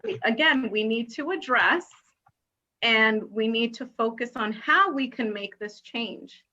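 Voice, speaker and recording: Woman, panel moderator, from the Dominican Republic, halting speech, bright tone, muffled recording. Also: a little high. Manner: hesitant, many fillers and restarts. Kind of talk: panel discussion.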